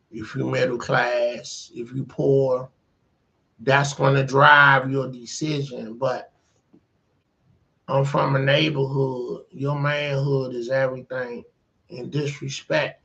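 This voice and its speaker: Male host, casual slangy storyteller, unhurried and gravelly, dull lo-fi recording. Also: medium pitch, a bit bright. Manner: laid-back, slangy, digressive. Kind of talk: casual storytelling, retelling a movie.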